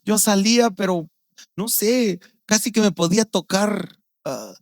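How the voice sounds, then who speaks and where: Earnest Guatemalan pastor preaching. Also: male voice, unhurried, creaky, no echo. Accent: Guatemalan Spanish. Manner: storytelling, acting out quoted voices with sudden loud outbursts; earnest, drops low and quiet on serious points. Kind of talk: sermon.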